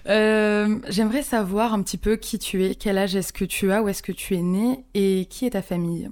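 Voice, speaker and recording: A woman hosting a podcast, opening the show with a clearly paced intro and asking curious questions. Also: mid-range voice, fairly even intonation, moderate pace, a little mellow. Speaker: podcast host.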